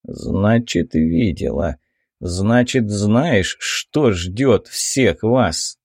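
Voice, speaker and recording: A man's voice: on the low side, animated, very slow, a little mellow, breathy edge, dry recording, clean studio sound, exaggerated voice. A man voicing a commanding, menacing supreme mage in an audiobook, cold and threatening. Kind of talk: audiobook character voice.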